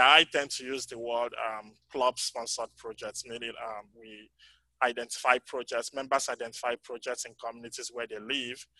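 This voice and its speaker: A man giving a conference breakout talk, halting with many pauses and fillers, his voice fading in and out. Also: mid-range voice, sharp tone, no room sound, low-quality recording. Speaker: convention panel speaker.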